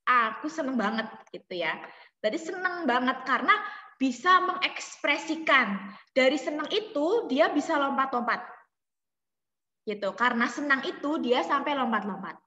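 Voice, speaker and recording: Woman, online language teacher, slow patient explanations, high voice, echoey room, dull call audio. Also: lively intonation, pushed and bright. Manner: explains slowly, mixing languages, ends phrases with "ya" and "gitu". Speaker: Mandarin teacher. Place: home room on a video call. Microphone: laptop mic on a video call. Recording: roomy lo-fi video call audio.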